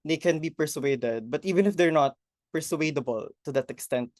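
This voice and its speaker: Higher-voiced Filipino man on a video call. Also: moderate pace, a little mellow, no room sound, studio quality. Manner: code-switching, thoughtful. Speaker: panelist. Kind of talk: online forum answer.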